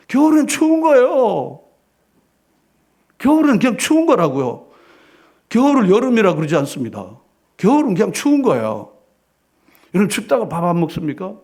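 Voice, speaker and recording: Male pastor in church: husky, slightly high, preaches with loud declarations and hushed asides. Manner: emphatic preaching with rhetorical questions. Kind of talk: sermon.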